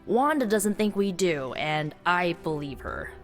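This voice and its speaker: An actress playing an earnest, sympathetic young heroine in video game dialogue, measured and conversational. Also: female voice, lowish voice, sing-song, in a large hall, soft background music. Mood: earnest concern.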